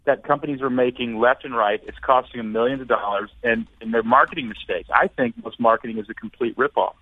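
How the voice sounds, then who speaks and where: A man being interviewed as an author and marketing consultant, telling stories in an energetic way, often repeating words as he goes, with blunt opinions. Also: medium pitch, fast, no echo. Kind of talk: casual interview storytelling. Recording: dry, tinny phone-like line.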